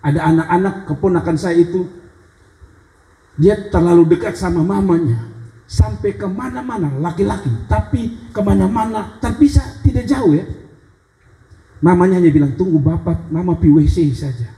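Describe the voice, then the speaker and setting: A male pastor preaching a sermon in a lively, animated style, with wide swings in his delivery. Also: normal speed. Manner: animated preaching with big pitch swings and acted child cries. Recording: echoey church hall.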